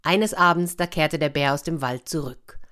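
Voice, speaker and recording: A woman reading a fairy tale aloud for children, lively, with confiding asides to her young listeners. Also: low voice, normal speed. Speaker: storyteller.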